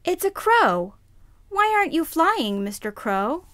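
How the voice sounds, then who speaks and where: A woman voicing a kind, timid little girl in a children's puppet show, sweet and deliberate. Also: very high voice, big pitch swings, a bit bright, no echo, studio quality, exaggerated voice.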